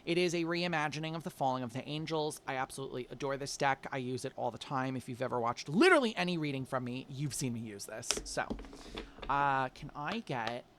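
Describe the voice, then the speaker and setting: A man doing a casual tarot reading, coaxing and chatty, calling listeners babe, swinging between loud and soft. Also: medium pitch, fairly quick, background noise. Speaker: tarot reader.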